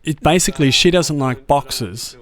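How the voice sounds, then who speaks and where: A man's voice: a little high, normal speed, fairly bright tone. An Australian man who works in a record shop, speaking reflectively and thoughtfully in an interview.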